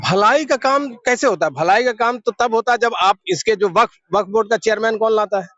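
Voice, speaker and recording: A man from Bihar speaks indignantly in a high voice and fires back questions in a street interview. The sound is dry and lo-fi. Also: brisk, a bit bright, dry recording. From Bihar, India. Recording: dull lo-fi sound.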